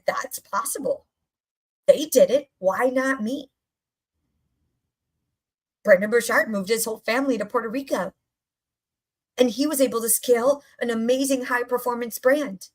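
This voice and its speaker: A woman's voice: on the high side, fairly even intonation, brisk. A woman coach giving an emphatic, enthusiastic motivational talk, repeating phrases for effect. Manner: enthusiastic, upbeat. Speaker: health and mindset coach.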